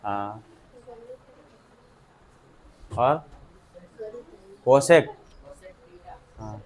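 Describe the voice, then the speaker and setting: A man's voice: fairly low pitch, very slow, a little mellow. A male maths teacher with a Hindi accent, lecturing a class, drilling students with repeated questions and calling on pupils by name. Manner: calls on pupils by name to read aloud.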